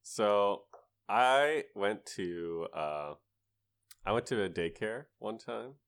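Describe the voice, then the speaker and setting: A podcast co-host with a deep, low, slightly bright voice tells casual gaming stories, dropping into playful, grandiose asides and swearing freely. He sounds animated yet speaks slowly, and the tone is clean.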